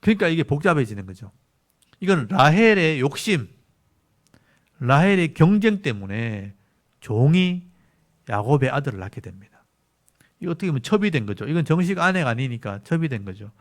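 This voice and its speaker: A man's voice: on the high side, big pitch swings, normal speed, pauses often. A man with a Gyeongsang Korean accent, a pastor teaching a Bible lecture sermon who explains patiently and repeats key words for emphasis.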